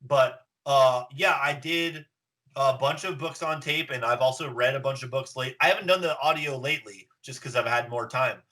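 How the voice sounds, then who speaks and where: Guy with a bright forward voice, medium pitch, sweary slangy casual chat. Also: moderate pace.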